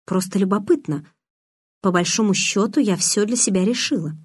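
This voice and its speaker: A shy but stubborn teenage girl, earnest and curious, as a woman reads her in an audiobook. Her voice is soft and earnest, recorded close and dry. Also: medium pitch, moderate pace, slightly rough, no room sound, natural voice. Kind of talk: audiobook reading.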